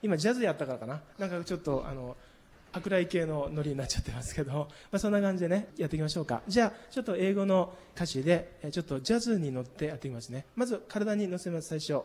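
Male singing teacher, husky and high, explanatory lesson delivery. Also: lively intonation, very fast, in a large hall. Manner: gentle explanatory talk, counting beats aloud. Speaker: music teacher.

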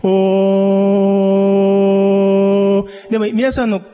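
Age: unknown. Sex: man. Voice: high. Role: vocal coach for church worship singing. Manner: patient, step by step. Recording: dull, long hall reverb. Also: very animated, brisk, a little mellow, slightly rough, faint music behind. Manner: patient, explains step by step and sings vowel demonstrations. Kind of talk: voice and diction lesson.

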